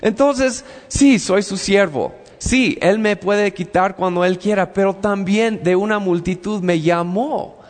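Slow-talking preacher. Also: male voice, sits high, in a large hall. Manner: conversational preaching, acts out dialogues with God. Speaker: pastor. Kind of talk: sermon.

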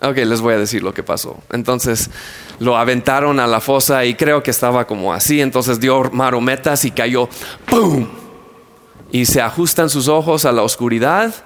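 Preacher telling a story. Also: male voice, medium pitch, moderate pace, fairly bright tone. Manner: storytelling, playful asides, acts out scenes. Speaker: pastor. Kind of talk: sermon.

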